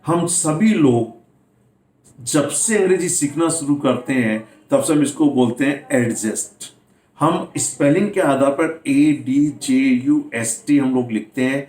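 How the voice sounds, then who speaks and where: A man's voice: mid-range voice, unhurried, a little mellow, echoey room. A man teaching English pronunciation in a video class, speaking Hindi mixed with English words and spelling words out letter by letter. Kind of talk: classroom-style video lesson.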